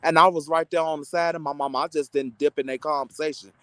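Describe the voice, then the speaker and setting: A man's voice: on the high side, steady tone, fast talker, a bit bright, no echo, poor audio. A content creator, a man, delivering a heated, insulting, mocking rant to his online audience.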